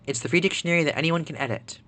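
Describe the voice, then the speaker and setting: A man reading game dialogue aloud as a secretive website administrator who asks for help in a hushed, urgent way. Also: on the high side, rapid-fire, natural voice.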